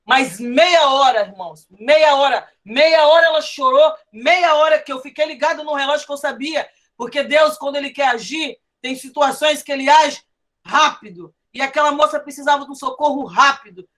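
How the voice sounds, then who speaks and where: A woman's voice: high voice, moderate pace, a bit bright. A woman with a Brazilian Portuguese accent preaching a sermon, telling a story with emphatic, often raised delivery. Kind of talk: sermon with testimony.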